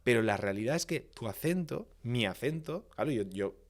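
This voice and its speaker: A public speaking expert from Valencia, Spain, explains his points in a podcast interview, speaking at a moderate pace in an expressive, medium-pitched voice. He's didactic and emphatic, listing points and repeating phrases for rhythm.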